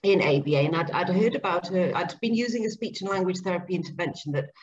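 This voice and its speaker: Middle-aged woman guest, lower voice, earnest and chatty, webcam mic in a kitchen, slightly dull call audio with faint hiss. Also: fast talker. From grew up in Zambia and Papua New Guinea. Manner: chatty, earnest, explains at length. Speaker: guest, speech and language therapist. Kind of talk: casual video-call interview. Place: home kitchen, indoors. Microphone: laptop webcam mic on video call.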